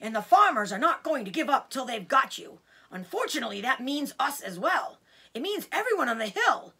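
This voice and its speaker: Woman as male badger, storybook character, desperate, excitable, bright husky voice, swooping pitch. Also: a little fast, full character voice. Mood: indignant.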